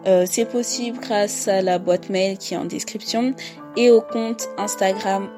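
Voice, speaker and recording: A woman's voice: mid-range voice, steady tone, a little slow, music in the background. Hesitant woman hosting a podcast. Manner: hesitant, many fillers and restarts. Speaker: podcast host and interviewer. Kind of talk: casual spoken introduction.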